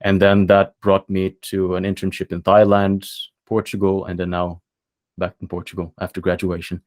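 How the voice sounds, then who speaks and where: A young man from the Philippines, a podcast guest, talking casually and thoughtfully with many pauses and fillers. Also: deep voice, completely flat delivery, a little mellow.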